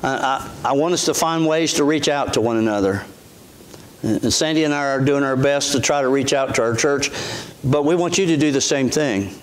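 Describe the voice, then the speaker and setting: A man's voice: mid-range voice, normal speed. A middle-aged man, a pastor giving a sermon in a church sanctuary on a lapel mic, speaking earnestly in a conversational way with frequent restarts.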